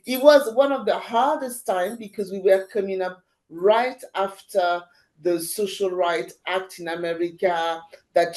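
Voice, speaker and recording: Speaking in a lowish, darkish-toned voice, this agency founder is a woman in her fifties who was born in Haiti and grew up in France. As an interview guest she chats animatedly and casually, often laughing and starting her sentences over.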